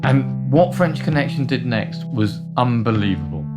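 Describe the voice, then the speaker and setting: A man telling wry, animated stories in a documentary interview. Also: mid-range voice, moderate pace, loud music behind the voice. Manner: animated, wry anecdotes with playful quoted voices. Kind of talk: storytelling interview.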